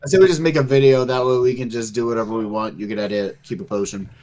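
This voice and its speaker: A young man co-hosting a casual gaming talk show over an online voice call, loud and joking with crude banter. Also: mid-range voice, fairly even intonation, racing, a loud crowd, low-quality recording. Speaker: podcast co-host.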